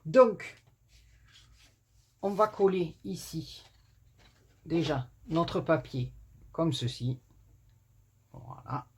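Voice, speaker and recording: Woman crafting host, unhurried, a little husky, rambling and self-joking, camera on a tripod at a small desk. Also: low-pitched, lively intonation, a little mellow. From southern France. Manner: rambling, self-mocking, many fillers. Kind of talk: chatty card-making tutorial. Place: small home desk workspace.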